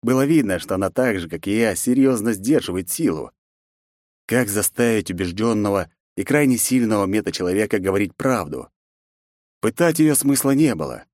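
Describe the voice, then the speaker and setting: A man's voice: fairly low pitch, animated, moderate pace, a little mellow, dry recording, clean studio sound. A man narrating a first-person fantasy audiobook in a wry, sardonic way.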